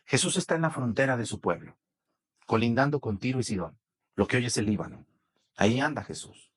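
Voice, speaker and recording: A man's voice: mid-range voice, expressive, fairly quick, slightly rough. A man with a Mexican accent preaching a sermon, chatting with the congregation and asking them questions. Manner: conversational, asks the congregation questions. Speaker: priest.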